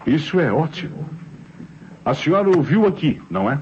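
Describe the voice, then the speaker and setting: In an old radio drama, a Brazilian man plays a sly, ironic police inspector, courteous and teasing as he politely probes and repeats himself. His voice is on the high side, a little mellow and sing-song, at a moderate pace. The vintage recording sounds muffled, with faint noise.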